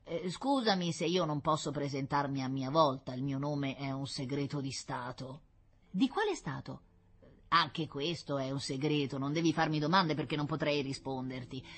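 A woman voicing a mysterious, fretful little old man in a storybook reading, slow and murmuring. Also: deep voice, slightly rough. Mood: secretive. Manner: slow, murmuring, self-pitying.

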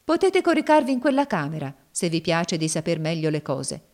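A woman's voice: sits low, steady tone, normal speed. Woman reading as scornful mocking Cassie. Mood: mocking, taunting. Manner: scornful, sneering. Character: cold, mocking woman taunting her master. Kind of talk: dramatic audiobook reading.

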